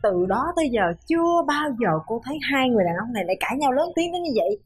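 A woman's voice: high-pitched, big pitch swings, quick pace, slightly rough, heavily acted. A worried woman comments on her neighbors' quarrel in a gossipy, sing-song way. Her voice rises and falls a lot. Faint music runs behind her. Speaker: family onlooker. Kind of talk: TV sitcom acting.

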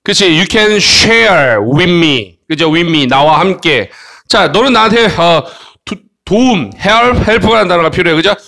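A man with a high, bright voice leads a children's English lesson. He coaxes his young listeners along and checks in with short tag questions again and again. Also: expressive, slow. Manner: coaxing, frequent tag questions. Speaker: English teacher.

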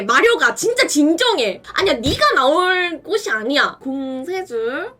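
A text-to-speech woman's voice giving gameplay commentary, excitable, with dramatic outbursts and pleading. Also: high-pitched. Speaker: game streamer.

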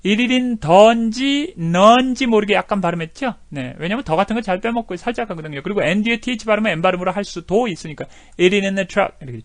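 A man teaching an English video lesson, animated, repeating words over and over to demonstrate how they sound. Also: high-pitched, quick pace, hardly any pauses, no echo.

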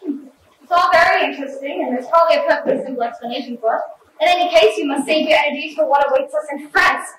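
A woman's voice: sits high, quick pace, fairly bright tone. A teen girl playing a huffy doctor sidekick. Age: teens. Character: fussy, seasick male doctor companion. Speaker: student actor. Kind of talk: stage play performance. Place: school theatre stage. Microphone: distant room mic. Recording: echoey hall from far off, noisy.

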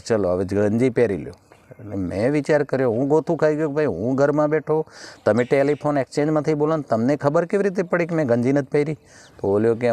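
A man's voice: mid-range voice, a little mellow. A man, a folk comedian chatting through jokes and acting out each character's lines. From Gujarat. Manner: chatty joke-telling with acted dialogue. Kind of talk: Gujarati folk humor storytelling.

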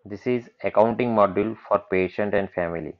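In a screen-recorded software walkthrough, a man with a very low voice explains each screen step by step in a plain, matter-of-fact way, speaking a little fast. The audio sounds dull and lo-fi, like a basic computer mic.

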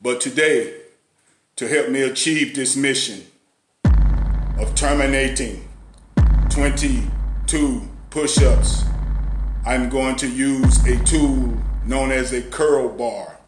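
A man doing a deadpan, mock-solemn action-hero parody, speaking in clipped, robotic phrases. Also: mid-range voice, slow, long pauses. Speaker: comedic fitness vlogger. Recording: roomy echo with loud music.

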